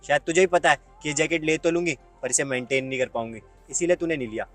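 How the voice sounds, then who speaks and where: A man's voice: fairly high pitch, fast talker, a bit bright, faint music behind, close to an everyday voice. A young man playing an arrogant, boastful rich man who insults his ex-girlfriend in a web skit. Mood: taunting. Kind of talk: Hindi web skit acting.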